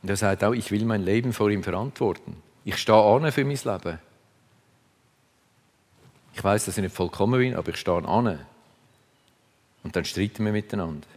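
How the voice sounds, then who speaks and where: A man's voice: lowish voice, moderate pace, long pauses, darkish tone. A man preaching a sermon, earnest and reflective, speaking in short phrases. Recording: long reverb of a large hall.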